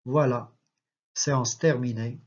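A man, a literature teacher reading a novel aloud and pausing to explain figures of speech. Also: medium pitch, steady tone. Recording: slightly muffled lo-fi recording.

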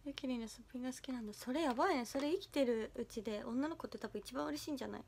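A woman's voice: high voice, racing, creaky, a little mellow, a little hiss or hum. A young woman hosting a livestream, chatting playfully and bashfully with viewers and giggling as she reads their comments. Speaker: idol livestream host.

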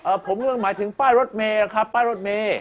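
A man's voice: sits high, fairly even intonation, fast, natural voice. A man playing a polite, lost foreigner who asks for directions, talking in a fumbling way with many hesitations. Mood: explaining. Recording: music behind.

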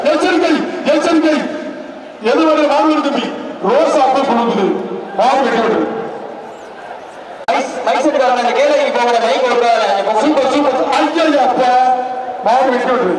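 High-voiced man over a loudspeaker. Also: normal speed, noisy background. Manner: loud, repetitive cheering calls. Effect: voice heard through a public-address loudspeaker. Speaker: event announcer. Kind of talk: live event commentary calling out prizes. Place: outdoor bull-taming arena. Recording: echoing loudspeaker heard from far off over a loud crowd.

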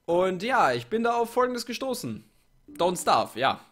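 A young man with a cold doing excitable let's play commentary on a game, with jumpy exclamations and self-mocking remarks. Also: high voice, unhurried, faint music behind. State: sick with a cold, coughing. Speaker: gaming YouTuber.

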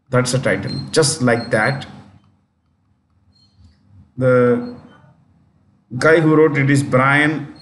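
A man's voice: mid-range voice, fairly bright tone, slight background noise. A man with an Indian English accent teaching a current affairs lesson in a chatty way, often correcting himself and spelling words out.

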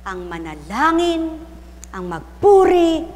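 A woman preaching as a spiritual medium to a live congregation, teasing and exhorting listeners, calling people out by name, breaking into laughter and loud exclamations. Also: high-pitched, sing-song, takes it slowly, big-room sound.

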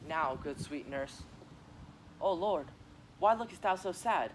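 A man's voice: a little high, animated, takes it slowly, background noise. A teenage boy playing an eager, impatient young girl in love in a school Shakespeare reading, pleading and restless. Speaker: student actor.

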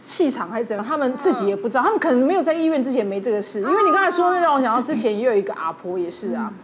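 A woman's voice: a little high, sing-song, rapid-fire, background noise. A woman with a Taiwanese Mandarin accent, a doctor guest on a TV talk show, telling a hospital story in a chatty way and imitating the people she quotes.

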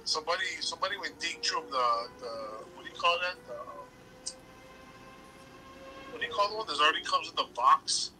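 A man's voice: on the high side, expressive, moderate pace, pauses often, bright, forceful tone, soft background music, poor audio. A man hosting a casual livestream chat, telling stories and laughing often. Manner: storytelling, laughs often, says bro, Hawaiian pidgin touches. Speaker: livestream host.

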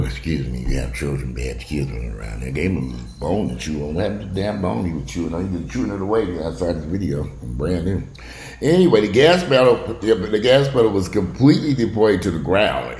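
A middle-aged man with a deep, slightly mellow voice delivers a blunt, casual monologue full of opinions, tangents and some swearing. He's a vlogger reacting to the news from a bright sunroom at home. The room sounds roomy and echoey, with faint background noise.

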